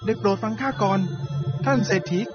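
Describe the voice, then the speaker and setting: A man's voice: high voice, fairly quick, natural voice. A man playing a naive young brahmin in love in a dramatised story, flustered and stammering. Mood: pleading. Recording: dull lo-fi audio with clear music behind.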